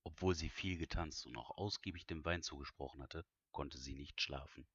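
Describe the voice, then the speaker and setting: A man's voice: a bass voice, moderate pace, a bit bright, slightly rough, no room sound. A man reading an audiobook as narrator in a suspenseful voice that drops to whispers. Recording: dull, dry, lo-fi recording.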